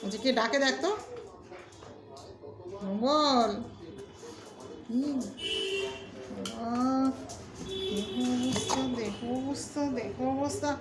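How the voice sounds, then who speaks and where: A woman's voice: a little high, takes it slowly, long pauses, crowd noise. A woman talking casually to her pet dog, coaxing and scolding it in a sing-song voice. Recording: echoey room with clear background noise.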